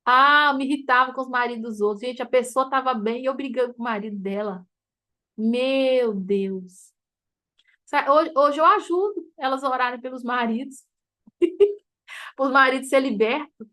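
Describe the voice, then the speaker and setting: High-voiced Brazilian woman mentor. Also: moderate pace, sharp tone. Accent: Brazilian Portuguese. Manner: chatty and emotive, addressing listeners as "gente", laughs often. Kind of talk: informal teaching talk to a group.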